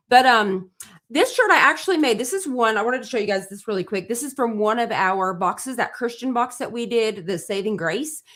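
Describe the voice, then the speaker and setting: A middle-aged woman chats live with her viewers in a bubbly, gushing way, addressing them directly. She is running on almost no sleep, yet keeps her slightly high voice upbeat. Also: fairly bright tone. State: tired from little sleep. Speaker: livestream host and small business owner. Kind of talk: casual live stream chat.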